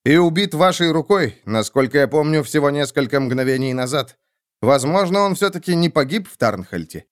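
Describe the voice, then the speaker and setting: A man's voice: a little high, expressive, normal speed, voice pushed up, lightly acted. A man voicing a young swordsman in an audiobook, asking pointed, accusing questions.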